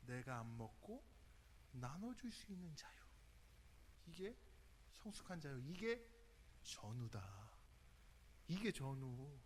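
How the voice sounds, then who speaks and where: A middle-aged male pastor from Korea's Chungcheong region with a slight drawl, preaching a youth service sermon in a lively, conversational way and questioning the congregation. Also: sits high, slight background noise. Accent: Chungcheong Korean, drawn-out speech.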